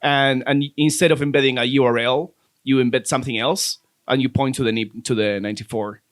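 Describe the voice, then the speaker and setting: A man guesting on a tech podcast, explaining haltingly with many restarts and jokey asides. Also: mid-range voice, steady tone. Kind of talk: casual tech chat.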